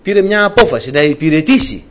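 A man's voice: a little high, very animated, fairly bright tone. A man preaching a sermon, telling stories to his congregation with colloquial asides and calling them dear brothers.

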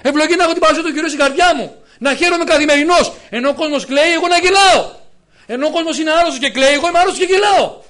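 A man's voice: very high-pitched, fairly bright tone. A man in his fifties preaching a sermon, emphatic and full of rhetorical questions to the congregation. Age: 50s.

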